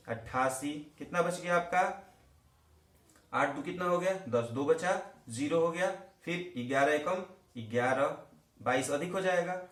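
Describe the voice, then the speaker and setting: A man from India teaching a math lesson, asking questions and answering them himself, talking straight to his students. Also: on the high side. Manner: addresses students directly, repeats key terms. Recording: echoey room.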